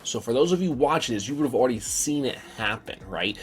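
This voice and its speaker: A man's voice: medium pitch, expressive, fast, soft background music. A young man talking casually in a vlog, rambling and repeating words with many fillers. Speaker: vlogger.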